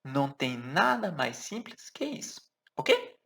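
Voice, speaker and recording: A man with a French accent teaching a language lesson, explaining patiently and repeating words slowly for learners. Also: on the high side, huge pitch swings, vocal fry, bright, forceful tone.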